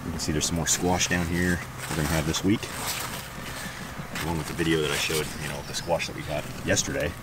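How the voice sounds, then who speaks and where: A man in his thirties casually walking through his backyard garden, talking in a relaxed, rambling way with lots of fillers, filmed on a handheld camera outdoors. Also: extremely low pitch, quick pace. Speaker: homesteading vlogger. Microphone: camera held at arm's length. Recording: outdoor background noise.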